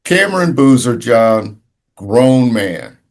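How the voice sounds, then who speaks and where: A man co-hosting a sports podcast in casual talk, halting and searching for words with many restarts. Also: mid-range voice, sing-song.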